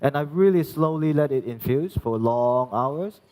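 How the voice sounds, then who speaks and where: A young chef from Hong Kong talks an audience through a live cooking demonstration. He explains each step patiently but haltingly, restarting his phrases often. His voice rings with the long reverb of a large hall. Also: medium pitch, animated, mellow.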